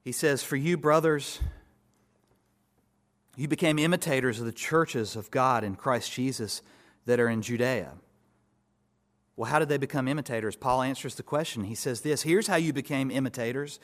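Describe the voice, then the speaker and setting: Guy preaching a bible sermon, gets loud and punchy then goes quiet, middle pitch voice. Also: moderate pace, long pauses. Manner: expository preaching with rising emphatic peaks and soft asides. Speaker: pastor.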